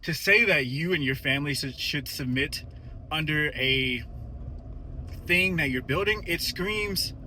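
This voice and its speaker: A man's voice: on the high side, a little slow, bright, forceful tone, a little hiss or hum. A man talking casually to his phone camera while driving, a little out of breath after the gym, thoughtful and hesitant with many fillers. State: slightly out of breath. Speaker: vlogger. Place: inside a car.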